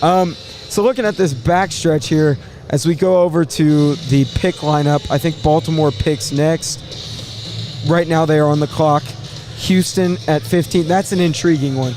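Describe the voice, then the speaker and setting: A man hosting a casual live sports draft show, thinking aloud in a halting way and repeating words as he goes. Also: a little high, fairly even intonation, a little mellow, soft background music.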